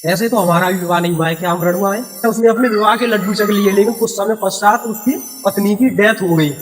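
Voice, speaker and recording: Young man, teacher, high voice, repeats key words, quizzes listeners, reverberant recording. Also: brisk, soft background music. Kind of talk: Hindi grammar lesson.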